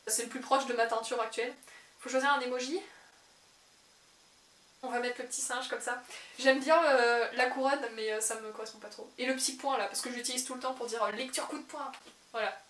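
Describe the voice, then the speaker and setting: Taking online quizzes, a young book vlogger chats in a casual way and laughs frequently. She speaks briskly in a fairly high, slightly bright voice with fairly even intonation. The room is echoey, and a faint hiss runs underneath.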